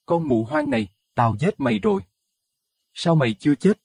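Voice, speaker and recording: A man's voice: sits high, huge pitch swings, moderate pace, gravelly, a little mellow, breathy edge, no echo, studio quality, pitched above the performer's own voice, heavily acted. A man voicing a crazed, violent middle-aged husband who snarls harsh abuse. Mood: snarling.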